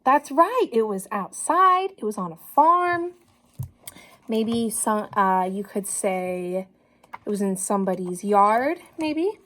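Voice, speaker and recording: With a voice of medium pitch, a woman reads to young children like a teacher would. Her delivery is animated and supportive, broken up by pauses where she asks the listeners questions.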